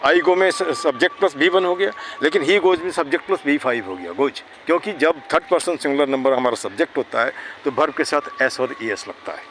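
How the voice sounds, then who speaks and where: Male tutor teaching a grammar lesson. Slightly high, patient, keeps asking "clear?" Faint street noise behind him. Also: lively intonation, normal speed, few pauses, fairly bright tone. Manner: patient, checks understanding often. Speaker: English tutor. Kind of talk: Hindi grammar lesson for children. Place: outdoors near traffic.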